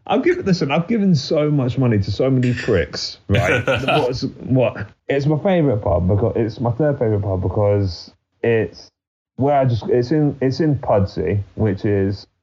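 A man's voice: medium pitch, animated, normal speed, darkish tone, breathy edge, highs cut off. A man, a comedian guest on a podcast, telling a story in casual chat, often stopping to correct himself. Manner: rambling, self-correcting storyteller.

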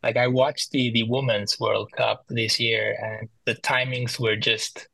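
Guy with albanian accent chatting on a podcast, pretty level pitch, dry recording. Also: level tone, a little slow, vocal fry, pushed and bright, husky, no echo, low-quality recording. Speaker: podcast guest. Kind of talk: casual interview talk.

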